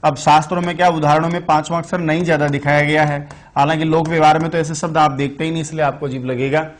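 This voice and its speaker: A man teaching Sanskrit in an online exam-prep class, telling chatty stories, putting questions to the students and explaining slowly and deliberately. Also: fairly high pitch, flat delivery.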